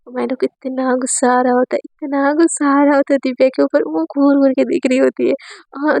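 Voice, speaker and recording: Chatty high-voiced woman storyteller. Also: gravelly, darkish tone, no room sound, poor audio. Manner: chatty, uses fillers like "ना". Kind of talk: casual story narration.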